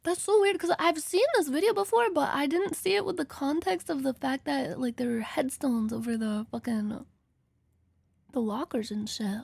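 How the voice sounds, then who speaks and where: Girl streamer w high voice n vocal fry, slangy sweary reaction chat. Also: moderate pace, a little mellow, no room sound.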